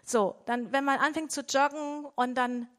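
Woman preacher with a high voice, chatty devotional teaching that keeps checking in with the congregation. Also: steady tone, normal speed, fairly bright tone. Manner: conversational, with frequent "ja?" checks to listeners. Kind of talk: devotional sermon.

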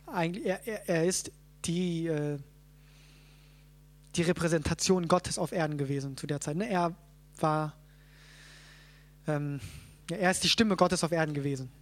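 A Bible teacher explaining a passage in plain, unhurried teaching talk. The speaker keeps checking in with the group with a quick "ja?". Fillers and restarts come often while thinking aloud. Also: mid-range voice. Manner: checks in with listeners, frequent "ja?".

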